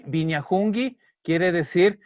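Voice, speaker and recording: A man teaching an online Kichwa language class, patiently breaking down song lyrics and slowly repeating words. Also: high voice, expressive, noisy background. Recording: dry, slightly dull online class audio.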